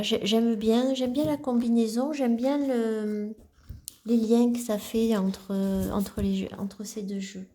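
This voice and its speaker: Woman vlogger, slow and mellow, hesitant with lots of restarts, casual show-and-tell. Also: a little high. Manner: hesitant, halting, many restarts and fillers. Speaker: vlogger presenting her card decks.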